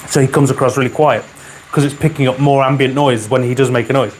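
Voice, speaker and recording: A man hosting a casual livestream from his garage, reading viewer comments with dry humor and often clearing his throat, wearing a microphone. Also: medium pitch, steady tone, fast talker, noisy background. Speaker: livestream host. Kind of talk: casual live chat. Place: home garage with a model railway layout.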